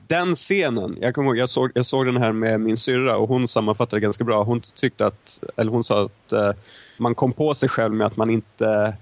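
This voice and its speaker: A man's voice: medium pitch, no echo, muffled recording. A young man co-hosting a casual film review chat, talking in long, winding, hesitant turns. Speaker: film podcast co-host.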